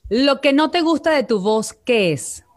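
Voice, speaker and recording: A woman's voice: sits high, expressive, measured pace. A woman from Venezuela, a vocal coach and guest, talking in a coaching tone and addressing listeners directly in a live online interview.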